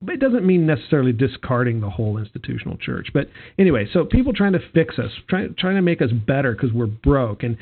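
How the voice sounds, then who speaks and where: A man's voice: medium pitch, sing-song, quick pace, few pauses. A man co-hosting a casual chat podcast, rambling and joking, often restarting his sentences. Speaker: podcast co-host. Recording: tinny phone-like sound.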